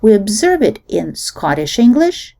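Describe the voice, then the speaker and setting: Measured woman lecturing, lively mellow voice. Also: medium pitch, vocal fry. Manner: measured, explanatory, demonstrates sounds. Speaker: linguistics lecturer. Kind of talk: recorded lecture.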